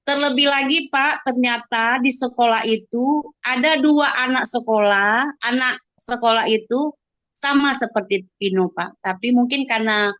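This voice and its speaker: A woman's voice: fairly high pitch, measured pace, a bit bright, dry recording, lo-fi sound. A woman, a mother giving an earnest, emotional interview testimonial and often addressing her listener as sir.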